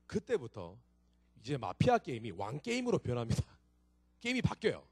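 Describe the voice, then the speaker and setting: A male pastor delivers a storytelling sermon to young adults. His voice sits somewhat high and swings widely in pitch as he plays out the characters' squabbles and asks the congregation questions. The sound is dry and close. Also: no echo. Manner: lively storytelling, acting out the disciples' quarrel. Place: church sanctuary.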